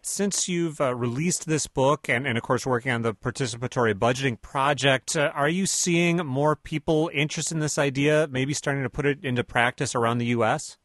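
Man, smooth radio host delivery, mid-range voice, close studio mic, dry sound. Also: medium pitch, fairly quick, hardly any pauses, fairly bright tone, no room sound. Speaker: radio call-in show host. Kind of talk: hosting a public-affairs radio call-in show.

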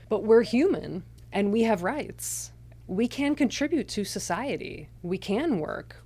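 A woman working as a live sign language interpreter, voicing deaf speakers' signing aloud in the first person at a measured, deliberate pace with some rephrasing. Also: medium pitch, darkish tone.

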